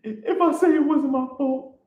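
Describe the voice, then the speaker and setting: Frantic New York shop manager, shrill pleading yells, a man hamming it up, echoey room. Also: steady tone, a little slow, muffled recording.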